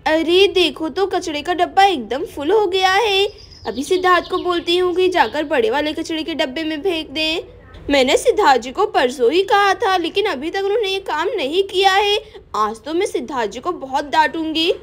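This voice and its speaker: Figure: chatty, bossy young housewife played by a woman. Pitch: very high. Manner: talks to herself, scolds. Style: doll-play storytelling. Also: animated, moderate pace. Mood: scolding.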